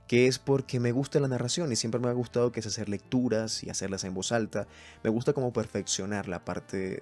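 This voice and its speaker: Low-voiced Venezuelan man musing aloud. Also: a little mellow. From Mérida, Venezuela. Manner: thinks aloud, reads points from a list and comments. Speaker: podcast host. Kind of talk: solo reflective podcast chat.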